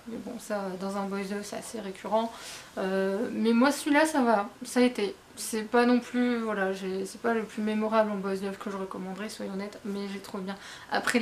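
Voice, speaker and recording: A faint hiss or hum sits under this woman's mid-range voice as she reviews manga in a loose, rambling style. As a book blogger, she stumbles, corrects herself, and talks frankly and chattily straight to her viewers.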